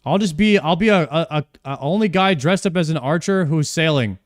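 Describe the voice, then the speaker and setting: A young man on a live stream, talking through his game in a loose, joking way, stumbling and repeating words as he goes. His voice sits a little high and sounds dry and close. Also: fairly quick, no room sound. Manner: chatty, joking, repeats himself mid-sentence. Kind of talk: casual live-stream commentary while playing.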